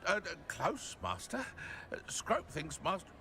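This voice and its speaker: A man's voice: high voice, huge pitch swings, unhurried, bright, forceful tone, slight background noise, exaggerated voice. A man playing a timid, servile house-elf in a video game, hesitant and eagerly deferential to a master. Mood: timid correcting. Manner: hesitant, deferential, speaks of self in third person. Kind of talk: theatrical video game creature voice.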